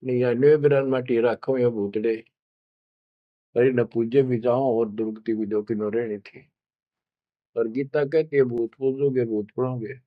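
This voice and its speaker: Earnest male preacher, slow sermon storytelling, dry slightly muffled audio. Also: medium pitch, fairly even intonation, no echo. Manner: earnest, addresses listeners as children.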